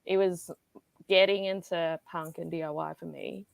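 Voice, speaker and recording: A woman's voice: on the low side, steady tone, moderate pace, creaky, no echo. A woman from Singapore, a guest writer in a conversational panel interview, talking casually with many fillers and asides.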